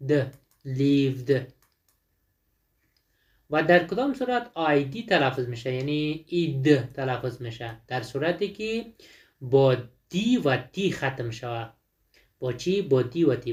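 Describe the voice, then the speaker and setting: Male English teacher, Dari accent, mid-pitched, switches between slow drilled examples and quick explanation. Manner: asks and answers his own questions. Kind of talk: explaining a textbook lesson.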